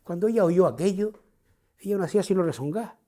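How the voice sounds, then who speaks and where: Speaking high and quickly, a Canarian-accented actor portrays a proud elderly islander recounting his own life for a touring group. He talks to listeners directly, lively and full of pride, in first-person theatrical style.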